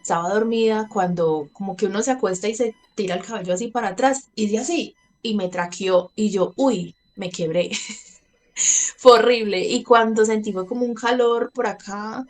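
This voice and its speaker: This Colombian woman, in her thirties, talks openly in a conversational interview about her own experiences. She often laughs softly between sentences and reenacts what she said at the time. Her mid-range voice sounds a little mellow and moves at a moderate pace.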